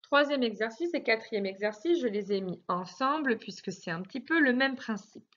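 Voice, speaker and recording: A woman teacher with a French accent, giving a recorded phonics lesson to young children, speaking slowly and articulating every word with sing-song emphasis. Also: on the high side, expressive, a bit bright, lo-fi sound. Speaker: primary school teacher.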